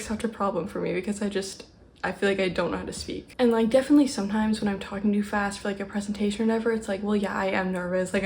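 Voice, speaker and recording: Fast-talking young woman with vocal fry. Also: medium pitch. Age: young adult. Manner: rambling, filler-heavy, fast-talking; quiet and shy. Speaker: vlogger. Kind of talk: casual chat to camera.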